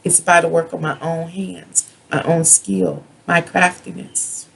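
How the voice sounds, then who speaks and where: A person from the United States giving a rambling, drunken tarot reading as a monologue, halting, drawing out words and repeating points in a raspy voice. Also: mid-range voice, level tone, rough recording. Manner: self-described drunken ranting, halting with drawn-out words and repetition. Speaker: tarot and astrology reader.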